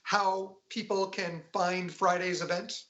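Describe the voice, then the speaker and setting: A man's voice: high voice, little pitch movement, takes it slowly, a bit bright. A man hosting a broadcast interview, introducing and questioning a guest, on slightly lo-fi audio. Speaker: programme host, interviewer.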